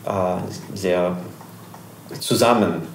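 Slow, hesitant man with a Persian accent. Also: low voice, echoey room, slight background noise. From Iran. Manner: hesitant, searching for German words, many fillers. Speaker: guest. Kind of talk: interview.

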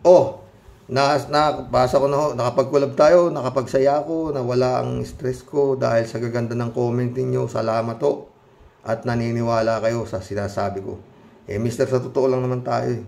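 A man's voice: medium pitch, fairly even intonation, normal speed, gravelly. A middle-aged man giving casual spoken commentary to viewers, emphatic and heated, firing rhetorical questions with frequent interjections. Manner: quieter and more subdued when reading comments and signing off.

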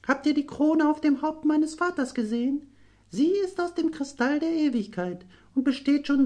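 Storybook mermaid princess, tearful and gentle, very high but mellow voice, slow soft phrasing. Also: male voice. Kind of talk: audiobook character voice.

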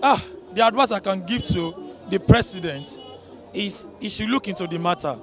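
Young Nigerian man, very high voice, earnest and halting, street vox pop. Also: faint music behind. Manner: pleading, stumbles and repeats words. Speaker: passer-by in street interview. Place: busy city street outdoors. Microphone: handheld mic held by interviewer.

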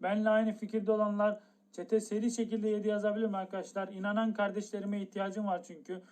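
A man's voice: sits high, level tone, darkish tone. A young man streaming a game live, talking to his chat and stretching out the build-up by repeating the same phrase again and again. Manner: drawn-out hype, repeats the same phrase over and over.

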